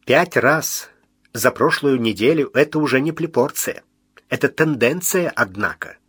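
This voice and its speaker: A man's voice: medium pitch, animated, moderate pace, a bit bright, breathy edge, dry recording, studio quality. A man voicing a stern, ironic navy admiral who speaks in a commanding voice with a metallic edge. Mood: serious. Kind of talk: audiobook character voice.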